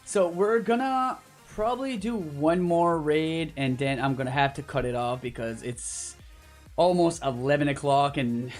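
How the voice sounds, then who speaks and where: A Canadian man hosts a gaming livestream from his apartment, rambling and joking casually over live voice chat. His voice sits on the high side and he speaks unhurriedly. Music plays in the background.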